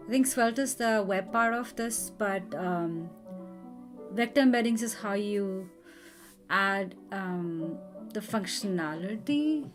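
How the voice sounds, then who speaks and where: A woman's voice: mid-range voice, expressive, slow, faint music behind. A woman live-streaming a coding session, thinking aloud and chatting with viewers as she works.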